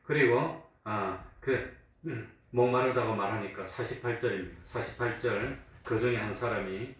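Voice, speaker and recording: Preaching at a moderate pace in a fairly low voice, a male pastor leads a sermon built on questions he answers himself. He sometimes plays the mockers in a raised, jeering voice; the sound comes from a distance in a very echoey sanctuary with a slight hum.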